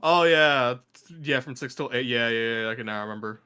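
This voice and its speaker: A woman's voice: rumbling low, a little fast, bright, forceful tone, clear, resonant tone. A woman chatting casually on a game stream, teasing with mock congratulations.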